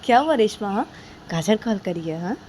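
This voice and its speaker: A woman's voice: mid-range voice, animated, fairly quick, noisy background, voice pushed up, lightly acted. A playful middle-aged father, voiced by a woman telling the story, pesters his grown daughter with mock innocence. He sounds cheerful and insistent, as if hiding a grin, in a homemade spoken storybook. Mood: teasing.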